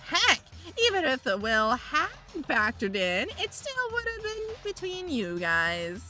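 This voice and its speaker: A woman voicing a smug, evil robotic male bear who taunts with theatrical, drawn-out lines while playing a game on stream. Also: sits high, very animated, music in the background, exaggerated voice. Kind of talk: video game voice acting on a live stream.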